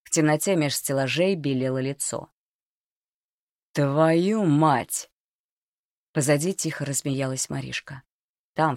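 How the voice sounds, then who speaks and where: Low-voiced woman narrating a tense storybook. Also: gravelly, a little mellow, dry recording, clean studio sound. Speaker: audiobook narrator. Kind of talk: scripted narration.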